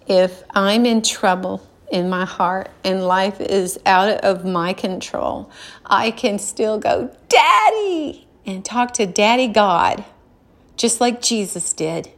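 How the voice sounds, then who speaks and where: A middle-aged woman giving a gentle, earnest devotional talk about a childhood memory and faith, often pausing and restarting. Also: medium pitch. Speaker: devotional speaker.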